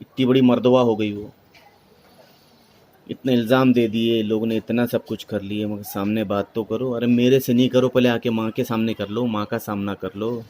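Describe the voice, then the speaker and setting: A man's voice: fairly low pitch, fairly even intonation, normal speed, a little mellow, a little hiss or hum. A man arguing with his mother, insistent and accusing, asking the same questions again and again. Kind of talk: heated family argument.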